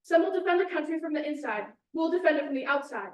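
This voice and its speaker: A woman's voice: high-pitched, expressive, fast talker, a little mellow. A woman reading a play aloud, playing a proud, boastful actress who is on edge. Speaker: actor in a staged reading, playing an actress fleeing Kyiv. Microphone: distant microphone. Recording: echoey room, distant mic, faint noise.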